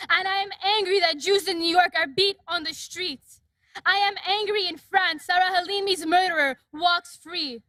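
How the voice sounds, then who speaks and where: A woman's voice: extremely high pitch, bright, forceful tone, dry recording. A young woman giving an impassioned, declarative speech at a rally. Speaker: rally speaker. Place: outdoor rally.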